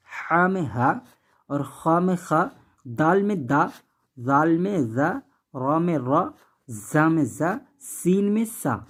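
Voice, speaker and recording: Patient man drilling letter sounds. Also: on the high side. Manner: patient, repeats each sound, keeps asking "okay?"; drawn-out sounds, contrasting thin and thick letters. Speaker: Quran reading teacher. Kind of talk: teaching letter pronunciation.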